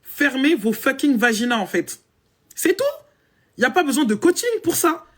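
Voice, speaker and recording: Blunt woman with a low voice. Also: lively intonation, moderate pace, a bit bright. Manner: blunt, mocking, mixes English phrases. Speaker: women's coach. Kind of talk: casual monologue to listeners.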